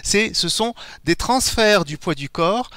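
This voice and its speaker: Animated man counting dance steps. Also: sits high, slow, clear, resonant tone, no echo, clean studio sound. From France. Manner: counts beats aloud while demonstrating steps. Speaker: dance teacher. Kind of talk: live online dance lesson. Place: dance studio hall. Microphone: far camera.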